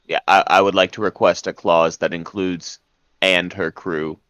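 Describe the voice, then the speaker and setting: A man's voice: low-pitched, measured pace, no echo. A man playing a tabletop role-playing game who slips into a stiff, robotic voice while he talks to the ship's computer. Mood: formal. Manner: flat machine-like delivery. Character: stiff robotic voice put on by a male player. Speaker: player. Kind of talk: tabletop role-play chat.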